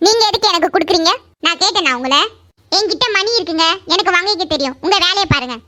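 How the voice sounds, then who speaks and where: A woman's voice: very high-pitched, expressive, fast talker, pushed and bright, full character voice. A woman voicing a proud, stubborn young college girl in a cartoon love story, snapping back huffily. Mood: huffy. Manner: huffy, snappy retorts. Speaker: heroine.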